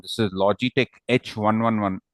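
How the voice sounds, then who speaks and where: This is a man with a lowish voice and a steady tone, speaking at normal speed in a dry recording. He has a South Indian accent and teaches an online class in an informal, conversational way over a headset mic, using examples and frequently ending phrases with questioning tags.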